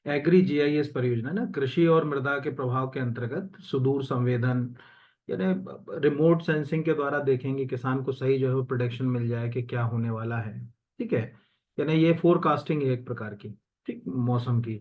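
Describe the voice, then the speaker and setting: Here a man coaches students for exams, explaining the answers on a shared screen in Hindi mixed with English terms. He talks loosely and conversationally, often pausing with fillers or correcting himself. The recording is muffled, and his medium-pitched voice holds a steady tone at a normal pace.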